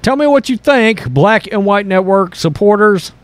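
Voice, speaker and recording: An expressive, high-sitting male voice at normal speed, recorded with no room sound. As host of an online commentary channel, he reads and reacts to the news bluntly, sarcastically and with exasperation, layering in opinionated political commentary.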